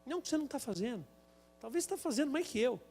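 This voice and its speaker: A Brazilian man preaches with a strikingly high voice for a man. He builds his sermon around a lively, comic personal story. His delivery is animated and dramatic. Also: very fast. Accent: Brazilian Portuguese. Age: adult, married with a son.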